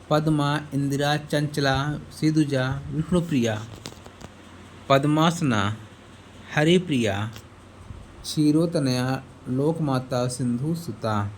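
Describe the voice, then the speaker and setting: A man's voice: mid-range voice, a little hiss or hum. A man teaching an exam-prep Hindi lesson, reading out lists of synonyms one word at a time and asking the class quiz questions. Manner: slow, word-by-word listing with quizzing questions.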